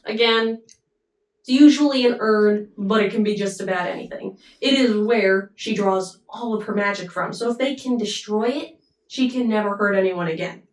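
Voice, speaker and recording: A woman retelling an opera plot in a chatty, casual way, with pauses and asides. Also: medium pitch. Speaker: storyteller summarizing an opera. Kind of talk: casual storytelling. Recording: roomy, mic at a distance.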